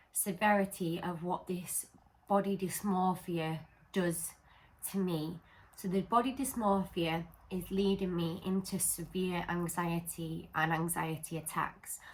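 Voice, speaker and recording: A woman's voice: fairly low pitch, poor audio. A woman talking candidly to camera about mental health, in an earnest, explanatory way. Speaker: vlogger.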